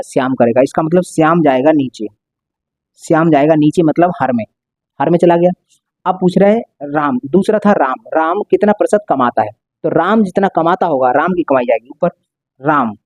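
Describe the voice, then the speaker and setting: A man's voice: fairly high pitch, darkish tone, no room sound. A male maths teacher explaining a lesson step by step, repeating and stretching out key words.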